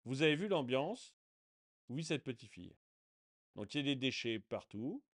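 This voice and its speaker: A man's voice: medium pitch, big pitch swings, normal speed, a crowd in the background. A man giving casual video commentary in a sarcastic, indignant way, often chuckling. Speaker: online commentator.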